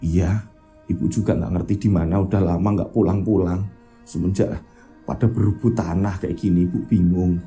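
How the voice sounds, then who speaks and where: A man's voice: low-pitched, fairly even intonation, moderate pace, dark tone, faint music behind, voice pushed down. A man voicing a weary, grieving old mother.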